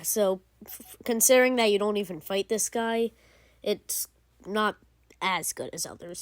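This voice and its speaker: This gaming video creator, a woman of medium pitch, offers a loose, chatty game ranking full of filler words and self-corrections. The audio is dry, with no room sound at all.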